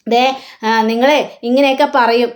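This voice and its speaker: An angry grown son voiced by a woman defends his wife. The voice stays high. He is a figure in a soap-serial retelling. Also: fairly even intonation, moderate pace, natural voice.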